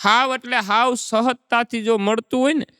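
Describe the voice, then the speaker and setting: A man's voice: extremely high pitch, fairly even intonation, normal speed, sharp tone, clear, resonant tone, no echo, studio quality, in a large hall. A man, doing folk stand-up comedy and telling chatty anecdotes. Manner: chatty, anecdotal, recites verse. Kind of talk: Gujarati folk stand-up storytelling.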